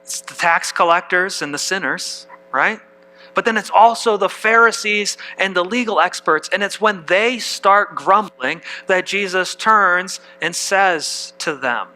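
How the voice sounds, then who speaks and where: A man's voice: high-pitched, unhurried, pushed and bright, poor audio. A man preaching a sermon as pastor, reading scripture aloud and putting questions to the congregation.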